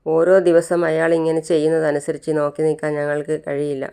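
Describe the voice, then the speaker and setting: The narrator voicing a young mother who is angry and protective, with sharp, defiant retorts in a clear voice. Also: low voice, flat delivery, brisk.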